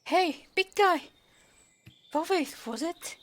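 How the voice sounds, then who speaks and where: Player doing a squeaky voice-changer adventurer. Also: lively intonation, slow, fairly bright tone, slight background noise, heavily acted. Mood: curious. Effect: voice changer raising the pitch. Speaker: tabletop game player. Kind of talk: in-character roleplay dialogue.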